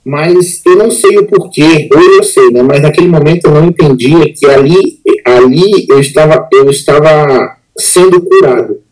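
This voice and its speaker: Man, pastor, earnest halting testimony, somewhat high voice. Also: darkish tone, low-quality recording. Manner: earnest, halting, repeats words. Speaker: pastor and podcast guest. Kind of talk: emotional personal testimony.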